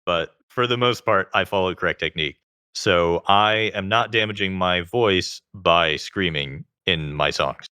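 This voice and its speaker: A man's voice: deep voice, slow, bright, forceful tone, smooth, no echo, studio quality. A male guest in a casual interview, talkative and explaining things at length with plenty of filler words.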